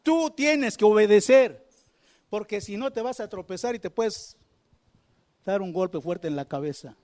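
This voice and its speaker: A man's voice: sits high, animated, normal speed, a little mellow. A man preaching a sermon, asking the congregation questions and repeating phrases for emphasis. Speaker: pastor.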